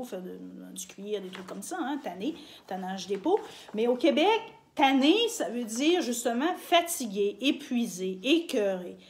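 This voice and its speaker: A woman with a Québécois accent talks through a casual video lesson. She is chatty, fills her sentences with hesitations and laughs easily, in a mid-pitched voice. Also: slight background noise. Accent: Québécois French. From Quebec. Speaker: language teacher on her channel.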